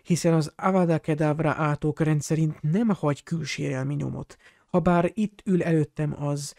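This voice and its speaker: A man voicing a calm, measured old headmaster explaining past events. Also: a little high, vocal fry, dry recording, clean studio sound. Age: older.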